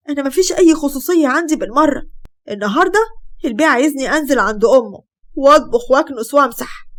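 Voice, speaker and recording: A woman voicing a young Egyptian wife, worn down and aggrieved, speaking in a pleading tone. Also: high voice.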